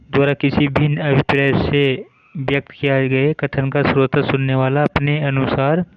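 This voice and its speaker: A man's voice: mid-range voice, clear, resonant tone, no echo, lo-fi sound. A man teaching a Hindi grammar lesson, explaining each term step by step and reading verse examples.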